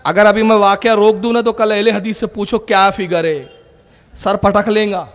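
A man preaching a sermon to a gathering, telling a story and acting out its dialogue, sometimes rising to shouts. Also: high voice, fairly even intonation. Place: public religious gathering. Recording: long reverb of a large hall.

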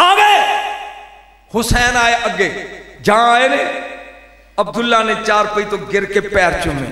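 A man with a Punjabi accent preaching an emotional sermon, moving from hushed storytelling to high wailing shouts and calling out to his listeners. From Pakistani Punjab. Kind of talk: impassioned religious sermon. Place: large gathering before a crowd. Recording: booming echo of a big hall.

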